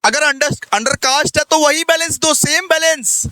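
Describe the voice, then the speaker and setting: With a very high, pushed, bright voice and no room sound, this man lectures at a moderate pace. He teases his listeners, repeats key lines sing-song style, and poses questions only to answer them himself.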